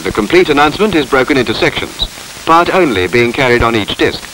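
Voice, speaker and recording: A man reading formal, measured scripted narration for a 1950s documentary on an old film soundtrack. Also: medium pitch, animated, fairly bright tone, slight background noise, low-quality recording.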